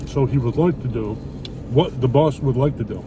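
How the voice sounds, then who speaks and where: A man's voice: mid-range voice, moderate pace. A middle-aged man in casual conversation, talking in a blunt, opinionated way. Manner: blunt, opinionated, lightly swearing. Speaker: vlogger chatting with his wife over a meal. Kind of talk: casual chat. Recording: distant mic, loud traffic and car noise.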